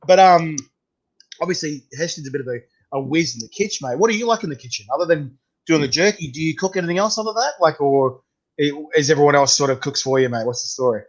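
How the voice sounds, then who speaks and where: A man's voice: a little high, fast. A man with a broad Australian accent hosting a casual interview, chatting in a matey, slangy way. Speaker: host interviewing a guest. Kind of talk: casual chat. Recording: dull, lo-fi sound.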